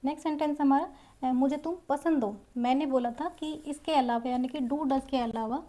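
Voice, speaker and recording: A woman's voice: high voice, moderate pace, mellow. A woman teaching English grammar in Hindi, explaining step by step and repeating each example in both languages. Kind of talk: Hindi-medium grammar lesson.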